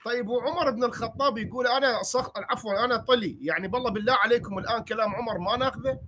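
Male panelist, very high voice, talks at breakneck speed, mocking and agitated. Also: racing, sharp tone, a little hiss or hum. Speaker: debate panelist. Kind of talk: heated religious debate.

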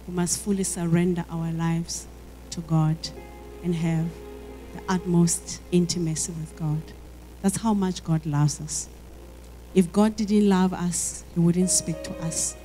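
A middle-aged woman with a warm, lowish voice preaches a sermon on a church hall stage, holding a handheld mic. She is earnest and repeats words while searching for the right phrasing.

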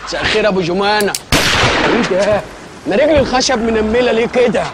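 Fast, high-pitched Egyptian comic man. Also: heavy background noise. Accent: Egyptian Arabic. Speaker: comedian in sketches. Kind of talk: Egyptian comedy sketch acting.

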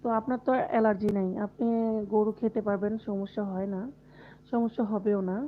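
A woman's voice: medium pitch, fairly even intonation, a little fast, a little hiss or hum. Feverish woman chatting on a tinny live stream. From Bangladesh. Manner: chatty, answers viewer comments, laughs often. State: unwell with fever and body aches. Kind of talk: casual live-stream chat with viewers. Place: closed room at home.

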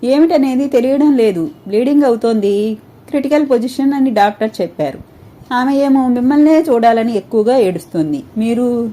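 A woman's voice: fairly high pitch, normal speed, dark tone, lightly acted. A woman voicing a young nurse who calls in an anxious hurry. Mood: anxious, urgent. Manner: urgent, worried pleading.

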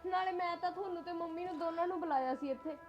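A woman playing a patient young wife who pleads calmly with her mother-in-law, in a Punjabi accent. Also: very high-pitched, fast talker, lo-fi sound, soft background music. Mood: gentle. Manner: pleading, reasonable. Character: patient young wife married without dowry. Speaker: daughter-in-law. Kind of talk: acted family drama.

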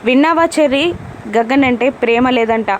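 A woman's voice: a little high, fairly quick, a little hiss or hum, lightly acted. A woman voicing a stern, proud middle-aged father who questions his daughter. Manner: demanding, boastful.

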